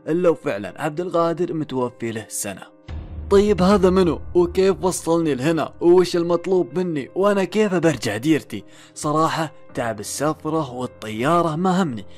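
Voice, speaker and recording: A man narrating a first-person horror story, building suspense with dramatic pauses and questions to himself. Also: medium pitch. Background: faint background music.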